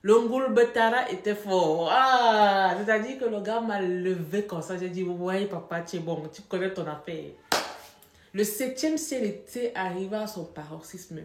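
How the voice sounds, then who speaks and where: Lively young woman telling a story in a roomy echo. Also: on the low side, moderate pace, slight background noise. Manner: animated, laughing, dramatic emphasis. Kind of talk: casual storytelling. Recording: echoey room.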